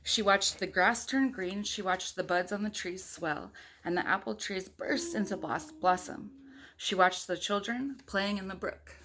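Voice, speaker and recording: Speaking a little slowly in a medium pitch, this woman comes through on a low-quality recording. She's a mom reading a picture book to small children and viewers, casual and conversational, with asides and questions sprinkled in.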